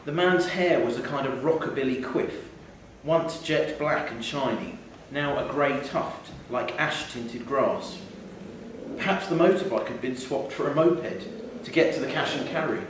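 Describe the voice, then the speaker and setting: A man with an unhurried, mid-range voice performs a literary short story on stage in a theatre. Captured from a distant microphone indoors, the sound is heavily reverberant and carries faint noise.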